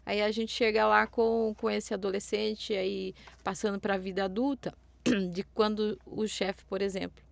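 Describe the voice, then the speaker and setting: A woman with a Brazilian accent talks through ideas in a relaxed podcast chat, her voice carrying a gravelly fry. She often checks in with a quick tag question, and the sound is dry and close with no room around it. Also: mid-range voice, no room sound. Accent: Brazilian Portuguese. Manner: explanatory, frequent tag questions. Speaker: podcast co-host. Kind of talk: casual podcast discussion.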